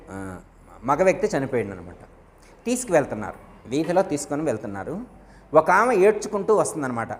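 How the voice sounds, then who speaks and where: A man, a guru, giving a devotional discourse to his disciples, telling stories and asking his listeners questions. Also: a little high. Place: ashram hall. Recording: long hall reverb.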